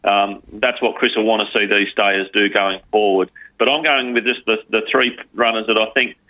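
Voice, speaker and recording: A man's voice: on the low side, steady tone, normal speed. A man giving horse racing tips on a podcast, in punchy phrases full of numbers and names. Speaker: racing tipster. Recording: slightly muffled, lo-fi audio.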